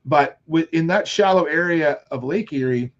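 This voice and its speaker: Casting note: man, fairly high voice, rambling fishing storyteller, lo-fi muffled sound. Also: moderate pace. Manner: rambling storyteller, animated quotes. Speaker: fishing show regular. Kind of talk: casual chat on live show.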